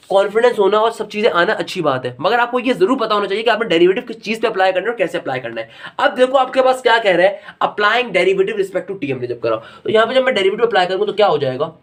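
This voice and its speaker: A man giving a recorded maths lecture, talking to his students in a fatherly, lecturing way and slowing down to read out formulas. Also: very high voice, a bit bright. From Pakistan. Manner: slows right down when reading out formulas. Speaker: maths teacher.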